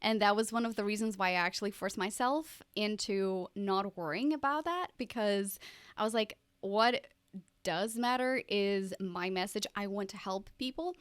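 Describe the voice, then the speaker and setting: A woman's voice: mid-range voice, normal speed, clean tone, no echo. A woman from Portugal, talking as a guest in a casual interview, chatty and upbeat. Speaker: podcast guest.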